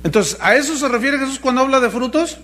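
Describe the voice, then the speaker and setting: A man's voice: extremely high pitch, lively intonation, quick pace, a bit bright, slight background noise. A male pastor preaching to a live congregation, teasing and firing questions at them. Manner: mocking, humorous, asks the congregation questions. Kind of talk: sermon.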